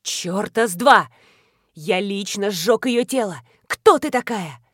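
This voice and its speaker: A woman voicing a fierce, tormented young male warrior who growls his words out forcefully, in a fantasy audiobook. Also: mid-range voice, lively intonation, a little slow, breathy edge, dry recording, clean studio sound. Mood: angry.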